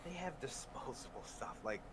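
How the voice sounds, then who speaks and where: A man's voice: mid-range voice, lively intonation, normal speed, background noise. A man co-hosting a podcast in casual chat, rambling and swearing, often laughing. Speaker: podcast co-host.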